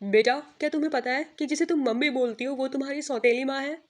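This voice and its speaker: A woman voicing a calm, grave male fortune teller in a spoken horror story, talking in a measured, solemn way. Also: high voice, noisy background, natural voice. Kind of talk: storybook narration acting. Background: music.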